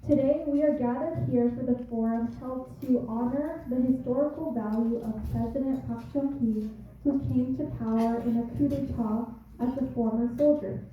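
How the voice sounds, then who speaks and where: A woman in her twenties with a Korean American accent, giving a prepared bilingual speech, reading carefully and a little haltingly. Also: sits high, fairly even intonation, narrow, tinny audio. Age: 20s. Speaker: student guest speaker. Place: large echoey indoor forum venue. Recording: very echoey hall, distant, thin band-limited sound.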